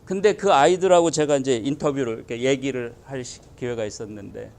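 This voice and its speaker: A man's voice: mid-range voice, brisk, creaky, a little mellow, slight background noise. A male pastor preaching a sermon, talking emphatically and asking the congregation many rhetorical questions.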